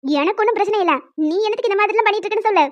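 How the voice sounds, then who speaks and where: A woman voicing a stern young female professor who lectures and scolds in an animated story. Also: very high voice, racing, highs cut off.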